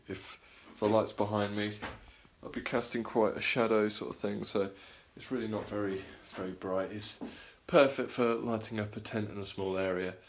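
A man's voice: low voice, reverberant. A man in his thirties casually reviewing a camping lantern, chatty and rambling with fillers and restarts. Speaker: cycling light reviewer. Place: small wooden shed, then a home room.

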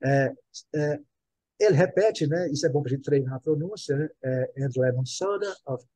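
A man's voice: on the high side, moderate pace, warm tone, no room sound. A man teaching English casually to a group, modeling words and explaining, often checking in with the class.

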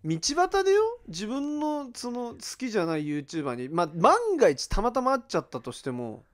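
A man's voice: high-pitched, wildly swooping pitch, moderate pace. A man co-hosting a casual podcast chat, bantering playfully and laughing often. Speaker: podcast co-host.

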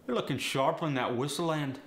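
A man's voice: a little high, a little fast, a bit bright, pitched above the performer's own voice. A man voicing a cheeky working-class Cockney bloke with a Cockney accent, punchy and colloquial, acting out example sentences for a slang lesson. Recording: roomy echo, faint background noise.

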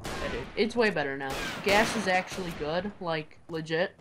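A laid-back man talking through a shooter game with friends, explaining and swearing in an easy, casual way. Loud gunfire from the game rattles under his voice. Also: high voice, expressive, normal speed, background noise. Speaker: co-player. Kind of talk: casual gaming chat.

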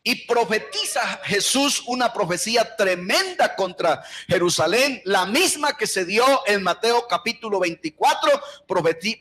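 High bright-voiced Colombian preacher. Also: male voice. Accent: Colombian Spanish. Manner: impassioned storytelling, swinging from hushed to shouting. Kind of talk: sermon.

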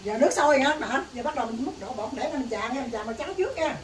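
A woman's voice: high voice, lively intonation, fast, distant mic, a little hiss or hum. Middle-aged Southern Vietnamese mother, off-mic. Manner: plain, practical, explaining steps. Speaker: vlogger's mother. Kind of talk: casual cooking demonstration. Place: rural home kitchen. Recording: echoey room, voice from off-mic.

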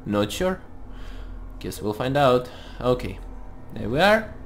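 A man's voice: mid-range voice, very animated, takes it slowly. A man giving casual gameplay commentary, thinking aloud as he plays. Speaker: host of a card game let's play series. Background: music.

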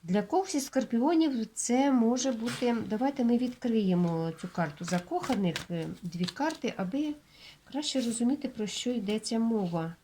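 Woman, Ukrainian accent, relaxed mellow tone; casual tarot reader who explains patiently and hedges with fillers. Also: fairly high pitch, a little hiss or hum. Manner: unhurried, explanatory, with many hesitations and checks like "da?". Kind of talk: casual tarot reading monologue.

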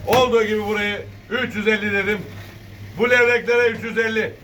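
A man's voice: high-pitched, level tone, a little fast. A man working as a fish auctioneer, calling weights and prices in repeated sing-song calls for bids. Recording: distant mic, noisy market, birds cooing.

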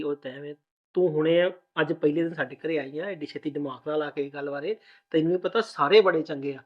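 A man plays a young husband soothing his new bride, talking very fast in a fairly high voice. The recording is dull and lo-fi, like a low-budget village drama. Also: close to an everyday voice. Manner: rapid, reassuring, soothing. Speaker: groom. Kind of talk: village family drama acting.

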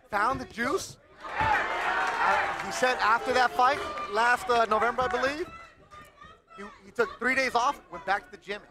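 A man with a high voice calls a boxing match as play-by-play commentator. He talks in short, clipped phrases, with a clearly audible crowd behind him. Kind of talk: live sports commentary. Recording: live event with crowd noise behind.

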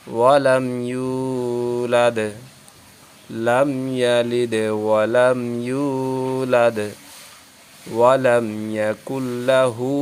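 A man's voice: medium pitch, slight background noise. A man teaching Quran reading, patiently spelling out each syllable letter by letter and joining them into words.

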